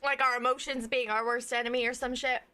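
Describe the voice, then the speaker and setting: A woman's voice: fairly high pitch, flat delivery, fast, bright, forceful tone, a little hiss or hum. A woman co-hosting a live stream, making dry, wincing remarks while her eyes water from the spicy food. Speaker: stream co-host. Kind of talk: casual live-stream chat.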